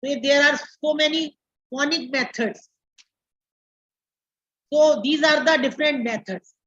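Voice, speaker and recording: A woman's voice: high voice, a little slow, a bit bright, dull audio. A woman with an Indian English accent giving a classroom lecture to teacher trainees, repeating key terms and slipping into Hindi. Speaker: teacher educator.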